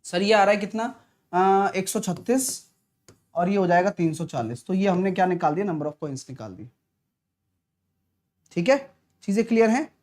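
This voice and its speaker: A male maths teacher with a sore throat, giving a live online class in a soft voice and clearing his throat often. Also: sits high, expressive, moderate pace, long pauses. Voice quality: clears throat often, talks softly to spare it. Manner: chatty, teasing, answers viewers' comments.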